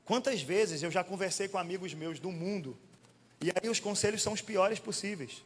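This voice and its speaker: A male pastor preaching a sermon in an animated, conversational way, firing questions at the congregation. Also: sits high, normal speed, breathy edge. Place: church hall. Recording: long church hall reverb.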